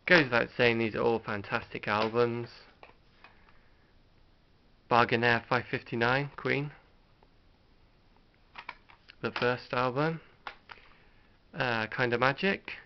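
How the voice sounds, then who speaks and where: A middle-aged British man with a mid-range voice and steady tone takes his time, pausing often as he rambles hesitantly and understatedly through an unscripted show-and-tell vlog, like a host showing off his collection. It's a dull, lo-fi home recording with slight background noise.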